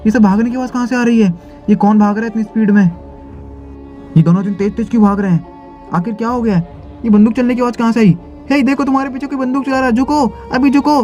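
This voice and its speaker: A man's voice: very high voice, pitched above the performer's own voice. A man voicing a scared young boy who pleads and asks panicky questions in a nightmare, in an audio story.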